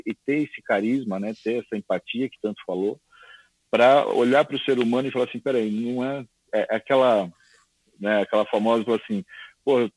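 A man's voice: medium pitch, darkish tone, no room sound, rough recording. A man speaking earnestly as a panelist on a video call, rambling with many fillers. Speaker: panelist, company executive.

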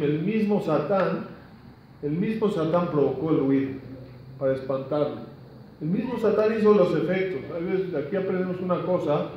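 Man, rabbi teaching, dramatic storyteller, fairly high voice, roomy echo, distant dull mic. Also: a little mellow, a little hiss or hum. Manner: dramatic, acts out quotes. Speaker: rabbi teaching Talmud stories. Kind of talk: animated storytelling lesson.

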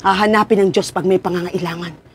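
A woman preaching a sermon with passion, swinging from loud cries to low, hushed tones. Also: steady tone, fast, breathy edge.

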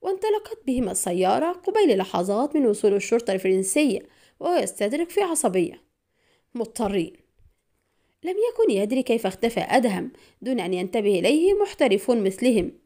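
A woman narrating an audiobook spy thriller in a brisk, dramatic storytelling manner. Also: a little high, sing-song, mellow.

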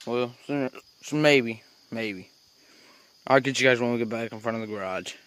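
At a moderate pace and in a slightly bright voice, a teenage boy films a relaxed farm vlog with his phone at arm's length. He rambles on while showing an open wooden barn, his animals and a trailer outdoors, babbling to the animals in a high voice.

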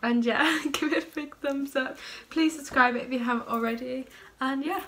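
A woman's voice: high voice, normal speed, sharp tone. A young woman hosting a casual reaction video in her bedroom, chatty and giggly, with music playing behind. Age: young adult. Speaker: vlogger host. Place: bedroom, indoors.

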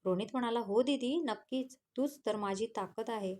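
A woman's voice: fairly high pitch, moderate pace, a little mellow. Woman reading a Marathi romance story. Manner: reads every character's lines in her own voice with "he said" tags.

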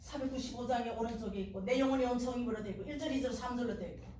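A woman's voice: on the high side, racing, dark tone, slight background noise. A middle-aged woman giving a testimony sermon at a revival meeting, telling her story dramatically and acting out dialogue. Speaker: guest speaker at a revival meeting. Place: church sanctuary. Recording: very echoey church hall, distant.

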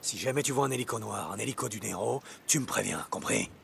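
An actor playing a gruff, wary biker drifter in a post-apocalyptic game, speaking in curt mutters. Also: male voice, lowish voice, animated, fast, a bit bright, slight background noise, full character voice. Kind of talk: video game dialogue.

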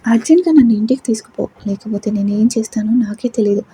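A woman's voice: fairly high pitch, quick pace, slight background noise, close to an everyday voice, poor audio. A woman doing a fiery jealous young wife. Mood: furious. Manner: scolding, sharp questioning.

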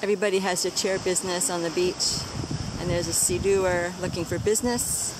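Chatty woman on a wave-loud beach. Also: lowish voice, steady tone, a little fast, noisy background. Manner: chatty, enthusiastic, pointing things out. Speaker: travel vlogger. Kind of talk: casual walking-tour narration. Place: outdoors on a sunny beach. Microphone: handheld camera while walking. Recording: outdoor beach recording with loud waves. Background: loud surf and waves.

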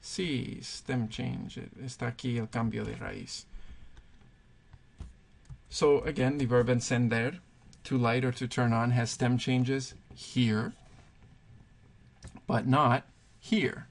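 Guy teaching spanish verbs, kinda gravelly, patient, lots of uh's. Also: mid-range voice, steady tone, slow pace, pauses often. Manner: patient, thinking aloud with fillers. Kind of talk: explaining grammar at a whiteboard.

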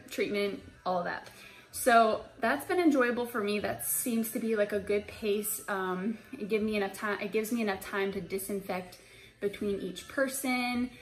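A woman's voice: mid-range voice, poor audio. A young woman in her twenties, a hairstylist, chatting to camera in an empty salon, reassuring and full of fillers and restarts. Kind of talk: casual vlog talk to camera. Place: empty hair salon indoors.

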